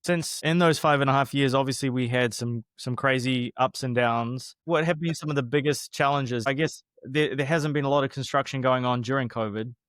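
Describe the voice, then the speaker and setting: Smooth-voiced male podcast host. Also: medium pitch, fairly quick, hardly any pauses, fairly bright tone, dry recording, clean studio sound. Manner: friendly, asks open questions. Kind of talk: interview hosting.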